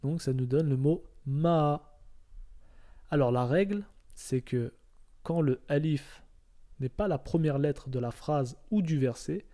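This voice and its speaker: A man's voice: a little high, slow, warm tone. A man teaching Arabic reading step by step, patient and repetitive, often checking in with his listeners. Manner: patient, repeats each step, checks with "d'accord?". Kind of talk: step-by-step lesson.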